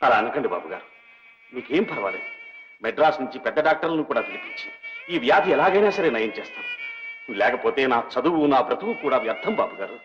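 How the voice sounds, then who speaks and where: A man's voice: mid-range voice, sing-song, fast talker, a bit bright. An actor playing a young doctor, a former servant's son, who speaks respectfully and earnestly to his old benefactor. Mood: earnest, devoted. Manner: respectful, earnest, emotional pleading. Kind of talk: 1960s Telugu film drama. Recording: dull old film soundtrack with music.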